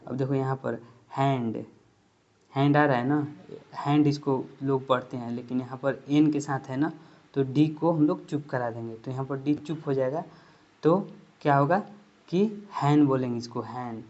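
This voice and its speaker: Male tutor with a Hindi accent, mid-pitched voice, patient step-by-step explainer who repeats words, slightly dull lo-fi audio. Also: steady tone, moderate pace, a little mellow. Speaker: English pronunciation teacher. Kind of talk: spoken English lesson. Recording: dull lo-fi recording.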